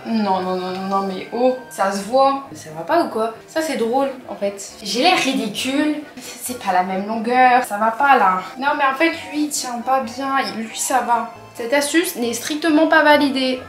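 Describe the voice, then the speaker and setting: A woman's voice: a little high, moderate pace. A young woman chatting casually through a vlog, giving self-mocking commentary as she tries things out at home. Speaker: vlogger testing tips. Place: at home, later a bathroom. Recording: roomy room with faint music.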